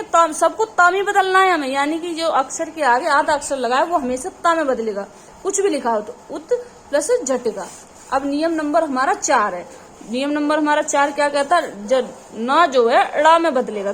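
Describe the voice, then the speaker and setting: Female teacher, high pitch, quizzes the class and answers herself, light background hiss. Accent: Hindi. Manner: calls the audience "children", asks questions and answers them herself. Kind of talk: exam-prep grammar lesson.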